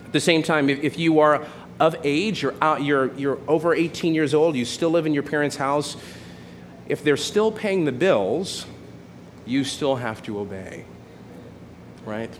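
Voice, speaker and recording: A man's voice: on the high side, a little slow, a little hiss or hum. A man in his forties preaching a sermon in a conversational way, often checking in with "right?" and restarting his phrases. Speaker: pastor.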